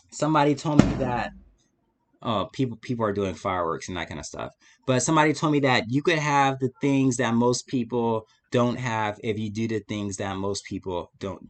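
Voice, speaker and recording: Man, live stream host, casual opinionated commentary, preachy, repetitive emphasis. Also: mid-range voice. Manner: preachy, repeats phrases for emphasis, checks in with "right?".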